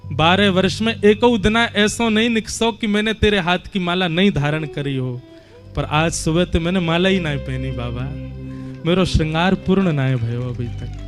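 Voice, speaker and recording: A man's voice: sits high, moderate pace, over music, natural voice. A man voicing a simple young village cowherd boy with a Braj accent, talking in a childlike, coaxing sing-song way. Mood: tearful.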